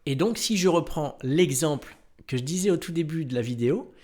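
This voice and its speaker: A man's voice: a little high, lively intonation, brisk, darkish tone. A French-speaking man teaching a lesson, patient, spelling out words letter by letter. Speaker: English teacher. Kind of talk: explaining a lesson.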